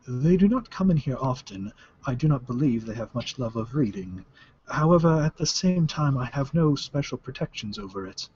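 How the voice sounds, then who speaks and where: A man's voice: mid-range voice, expressive, moderate pace, a little mellow, breathy edge. A man voicing the courteous, formal and hesitant ghost of a forgetful scholar in a tabletop game. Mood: formal, helpful. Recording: dull lo-fi audio.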